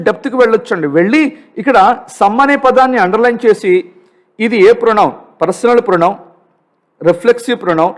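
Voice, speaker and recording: A man with a Telugu accent teaching English grammar for an exam, asking questions and answering them himself, and reading example sentences slowly. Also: high-pitched. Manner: asks and answers his own questions, slow drilled examples. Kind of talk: exam-prep grammar lesson.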